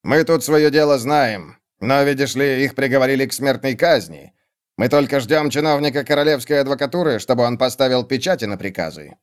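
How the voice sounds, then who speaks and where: A man's voice: mid-range voice, animated, brisk, clear, resonant tone, voice pushed up, lightly acted. Man doing a pompous stubborn guard officer. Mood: huffy.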